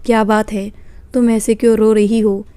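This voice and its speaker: A woman's voice: medium pitch, flat delivery, normal speed, mellow, clear, resonant tone, dry recording, lightly acted. A woman reading the part of a stern but caring young man in a spoken story, firm and questioning. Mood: soothing.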